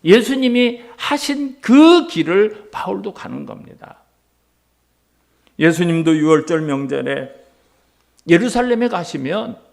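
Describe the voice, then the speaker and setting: A male pastor preaching a sermon, acting out quoted voices and swinging from hushed passages to loud, emphatic ones. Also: sits high, gravelly.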